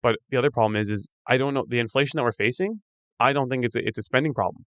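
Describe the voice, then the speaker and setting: Fast-talking man, smooth and dry. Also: medium pitch, no echo. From Canada. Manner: fast, animated, thinking aloud. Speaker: podcast co-host. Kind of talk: casual chat.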